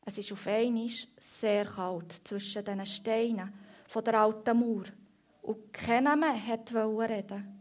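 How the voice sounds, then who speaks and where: Slow woman telling a children's story. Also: fairly high pitch, steady tone, darkish tone.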